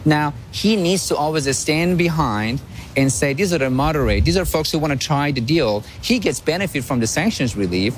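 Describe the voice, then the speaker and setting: A man's voice: fairly high pitch, expressive, moderate pace, a little hiss or hum. A man from Iran, speaking as a guest analyst in a radio interview, firm and analytical.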